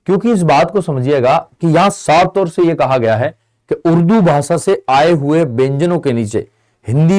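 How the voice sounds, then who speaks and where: A young man teaching an online Hindi exam-prep lesson in a chatty way, calling his students friend and brother, acting out their replies, and slowing down to drag out key definitions. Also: a little high, a little mellow. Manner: slows down and drags out key definitions.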